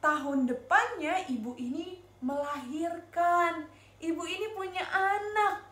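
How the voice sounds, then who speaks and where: A woman with an Indonesian accent teaching Sunday school, telling a story to young children in an animated, sing-song way and asking them questions. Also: extremely high pitch, slow pace, echoey room.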